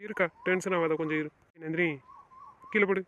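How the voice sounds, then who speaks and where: A man playing a brisk, bossy young husband. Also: high voice, steady tone, a bit bright, highs cut off, a little hiss or hum. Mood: commanding. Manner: brisk, bossy, gives orders. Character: stern protective young husband and brother. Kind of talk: family web-series drama acting.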